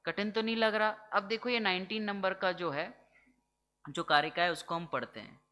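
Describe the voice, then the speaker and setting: Speaking to a seated audience, a man with a high, pushed and bright voice explains Jain scripture at a moderate pace, one step at a time. He repeatedly asks if everyone is following, poses rhetorical questions, and slips English words into his talk.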